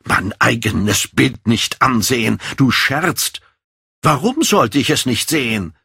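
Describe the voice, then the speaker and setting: A man reading an audiobook, voicing an earnest, devoted middle-aged painter who gently insists. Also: on the low side, animated, unhurried, slightly rough, no room sound, clean studio sound, full character voice.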